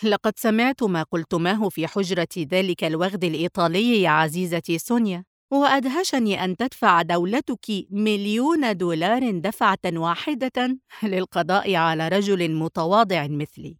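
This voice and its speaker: A woman voicing a suave, confident male spy hero who speaks calmly with teasing sarcasm. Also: fairly low pitch, normal speed, no room sound, studio quality, lightly acted. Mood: mocking.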